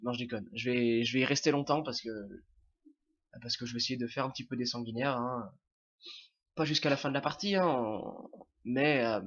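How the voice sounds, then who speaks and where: This gameplay commentator is a young Frenchman-accented speaker battling a cold, sniffling as he chats casually, stalling, restarting sentences and filling gaps with fillers. His medium-pitched voice is a bit bright, heard through dull, lo-fi audio like a cheap home microphone.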